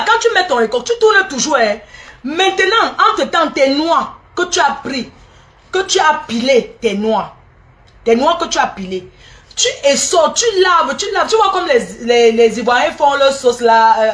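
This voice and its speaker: Woman, middle-aged, slightly high voice, casual cooking demo, repetitive, teasing, scolding. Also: fairly bright tone. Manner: repetitive, teasing and scolding, addresses viewers directly. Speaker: cooking video host. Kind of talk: casual spoken recipe demonstration.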